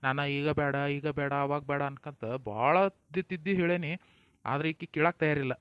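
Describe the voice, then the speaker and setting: A man's voice: on the high side, steady tone, moderate pace, smooth, no echo. Male comic actor, North Karnataka accent, folksy and scolding in a home skit, dull dry sound. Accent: North Karnataka Kannada. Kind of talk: family comedy skit acting.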